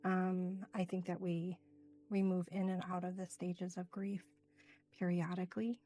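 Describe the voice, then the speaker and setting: Lower-pitched middle-aged woman, reflective. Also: little pitch movement, a little slow, dark tone, faint music behind. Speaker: guest, hospice nurse. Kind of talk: reflective interview conversation.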